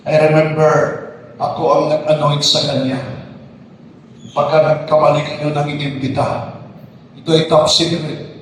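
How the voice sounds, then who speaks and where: A man with a Filipino accent, a priest leading a funeral mass in a measured, prayerful way, his voice carrying a cathedral echo. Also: on the high side, level tone, far from the mic, slight background noise. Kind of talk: funeral mass liturgy and homily. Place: large church. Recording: echoey church hall from afar, soft music.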